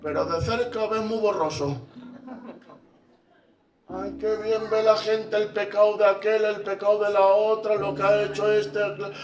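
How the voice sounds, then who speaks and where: Predicador español de voz aguda y resonante. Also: male voice, sits high, little pitch movement, a little slow. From Spain. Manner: swings from hushed to shouting. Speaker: pastor. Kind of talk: sermon. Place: church. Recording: echoey church from far off, faint music.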